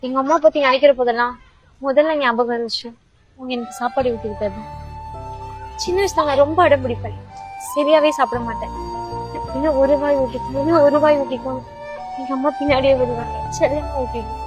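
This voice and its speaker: An actress playing Maha, a tender young woman longing for her mother, soft and emotional, with music under the dialogue. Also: high-pitched, brisk, pauses often, natural voice. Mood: sorrowful. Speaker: young woman in love, college student. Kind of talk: romantic web series acting.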